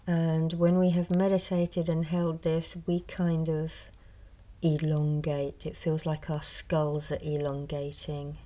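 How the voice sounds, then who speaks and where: Seated at a table indoors, a middle-aged reiki healer talks in a low, monotone voice, slow, soft, and partly whispered, slightly hoarse from a cold. It's an ASMR-style show and tell, picked up by a close microphone positioned over the tabletop.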